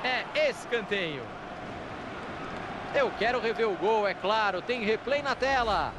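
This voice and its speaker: A Brazilian play-by-play football announcer in a video game. His voice is very high-pitched for a man, and loud stadium noise surrounds it. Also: expressive, slow pace. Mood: engaged. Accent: Brazilian Portuguese. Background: loud stadium crowd ambience.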